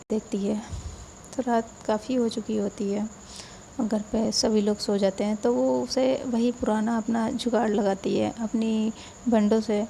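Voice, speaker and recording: Creaky, mellow-toned woman storyteller. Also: a little high, slight background noise. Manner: conversational, repeats and restarts phrases. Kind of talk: casual story narration.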